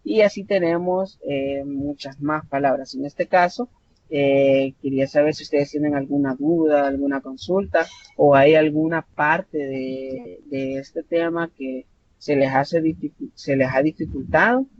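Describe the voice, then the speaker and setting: A man's voice: on the high side, steady tone, unhurried, darkish tone. Salvadoran male tutor, patient and explanatory. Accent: Salvadoran Spanish. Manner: patient, explanatory, with frequent fillers and self-corrections. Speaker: online tutor. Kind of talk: live online class. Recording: dull lo-fi online class audio with faint noise.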